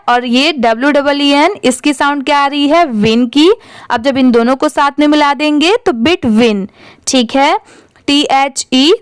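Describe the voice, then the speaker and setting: A woman's voice: sits high, clear, resonant tone, dry recording, low-quality recording. An Indian woman teaching English reading, spelling each word out letter by letter and then reading it, asking her students how to read it and answering herself. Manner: spells words letter by letter, then reads them; asks and answers her own questions. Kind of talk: slow spelling-out lesson.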